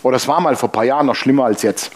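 A man's voice: mid-range voice, very fast. A pastor preaching an emphatic sermon to his congregation, repeating phrases and putting questions to the listeners.

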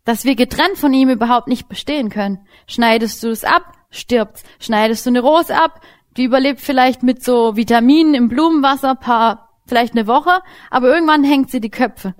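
Woman, young adult, informal sermon, higher-pitched, casual and direct. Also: normal speed. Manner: casual, lively, talks directly to listeners. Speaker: Bible teacher.

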